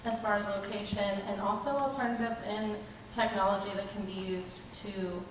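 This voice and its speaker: A woman from Southern Maryland gives a halting, measured public comment, her voice staying level and unvaried. She is picked up from a distance in a large, echoing meeting room. Noise sits clearly underneath her. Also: mid-range voice, steady tone. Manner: measured, halting with many ums. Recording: echoey hall from a distance, background noise.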